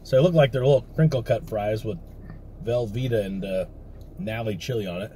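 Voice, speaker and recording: A man's voice: lowish voice, brisk, mellow, slight background noise. Man talking with his mouth full. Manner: blunt, profane, offhand commentary. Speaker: food reviewer. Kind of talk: casual food review chat. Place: inside a parked car.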